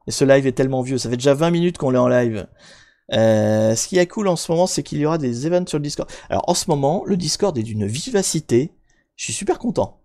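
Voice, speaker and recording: A man's voice: medium pitch, a little mellow. Rambling, chatty male streamer. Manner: chatty and rambling, with many fillers and restarts; jokey, talks directly to viewers. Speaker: streamer hosting a hacking live stream. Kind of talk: casual live-stream commentary.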